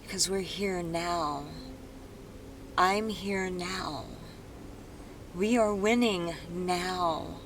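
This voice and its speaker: A woman's voice: lowish voice, extremely slow, pauses often. Earnest, rambling woman over street noise. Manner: earnest, rambling, with many restarts. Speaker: dance vlogger. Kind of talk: unscripted vlog monologue. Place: indoor room with an open window. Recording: loud street noise in the background.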